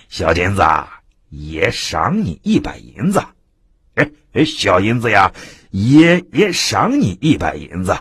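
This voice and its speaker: A man's voice: fairly low pitch, wildly swooping pitch, slow, slightly rough, dry recording, clean studio sound, exaggerated voice. A man doing a gloating bully constable. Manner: loud, gloating, threatening. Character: swaggering male bully constable, coarse and menacing.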